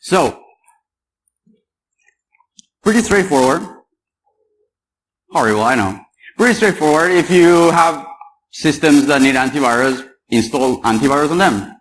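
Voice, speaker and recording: A man's voice: fairly high pitch, animated, unhurried, pauses often, rough recording. A young man from Paraguay giving a chatty, joking talk at a security conference and quizzing the audience. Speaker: conference speaker. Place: conference hall.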